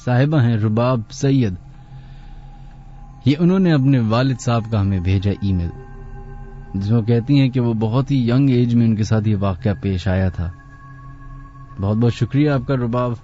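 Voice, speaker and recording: A man hosting a late-night radio show, talking slowly and deliberately and chatting as he reads out listeners' names. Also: medium pitch, mellow. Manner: unhurried, deliberately slow talker. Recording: slightly dull radio studio audio.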